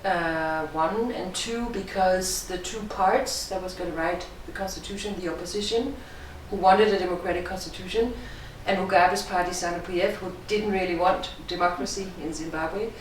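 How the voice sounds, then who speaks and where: A middle-aged film director from Denmark answers interview questions in a Danish accent, explaining her work in a measured, thoughtful way. Her somewhat low voice is recorded by a distant mic in a strongly echoing room, with a faint hiss in the background.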